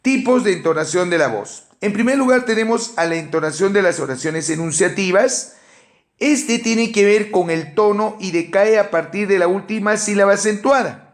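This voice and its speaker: A man with a Peruvian Spanish accent giving a measured academic lecture, working through a numbered list of points. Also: high-pitched. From Peru. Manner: measured explanatory delivery with enumerations and fillers. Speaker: teacher.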